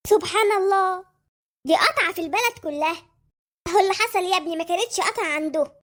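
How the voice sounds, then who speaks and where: A woman voicing a gossipy, sharp-tongued mother in an Egyptian cartoon, with an Egyptian Arabic accent. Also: very high-pitched, fast.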